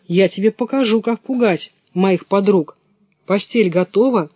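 A man's voice: sits high, unhurried, a little mellow, husky, dry recording. A man reading the part of a bold, bossy young robber girl in a brusque, commanding way.

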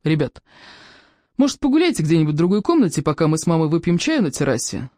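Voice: medium pitch, big pitch swings, fast, warm tone, no room sound, clean studio sound, natural voice. A reader voicing a strict but jolly father of six boys, stern one moment, hearty the next. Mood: fatherly. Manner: stern warnings, then forced cheer.

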